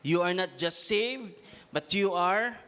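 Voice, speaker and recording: A man preaching a Taglish sermon to a congregation, often tagging his lines with a questioning "no?" and slowing down to stress key phrases. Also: high voice, animated, sharp tone, clear, resonant tone. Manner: repeats a questioning "no?" tag; has the congregation repeat lines to their neighbor. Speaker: youth preacher.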